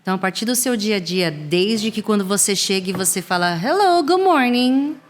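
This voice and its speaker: A woman in her thirties, a school coordinator, talking in a lively conversational way. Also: medium pitch, fairly quick. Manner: animated, acts out children's voices in examples. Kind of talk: conversational interview.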